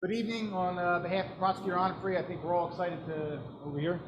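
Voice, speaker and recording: A police sergeant from New Jersey talks fast into a handheld microphone in a meeting room, giving a plain-spoken presentation to a school board and checking in with "okay?". His voice sits high with fairly even intonation, and the recording has background noise and cut-off highs.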